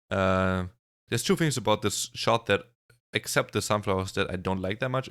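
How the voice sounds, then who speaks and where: Reacting casually to a music video, a man rambles and hedges with "kinda" and "like" while pointing things out. His voice is fairly low in pitch with a fairly bright tone, and faint music from the video plays behind him.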